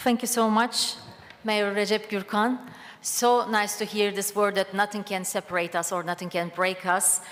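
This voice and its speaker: A woman's voice: medium pitch, little pitch movement, normal speed, fairly bright tone, big-room sound. A woman moderating a summit, introducing the next speaker in a friendly, personal way with phrasing. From Turkey.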